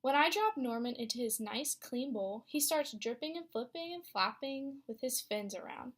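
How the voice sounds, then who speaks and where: A young woman who is a student teacher reads a picture book to a class, telling the story expressively and asking the children questions. Her voice is high and her pace moderate.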